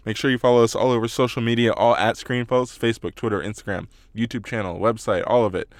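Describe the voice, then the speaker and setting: Man on a dry, low-quality car recording. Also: fast, no room sound. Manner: relaxed, hesitant, repeats words. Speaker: podcast co-host. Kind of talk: casual film-review chat. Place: inside a parked car. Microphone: portable recorder and tablet.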